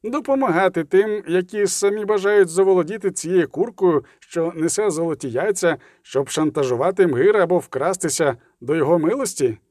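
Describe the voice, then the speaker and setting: A sardonic, greedy lawyer sneers and mocks in a storybook reading, put on by a male narrator. The voice sits somewhat high and is recorded dry and close. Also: expressive, brisk, hardly any pauses, darkish tone, no echo. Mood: sneering. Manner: sneering, sarcastic.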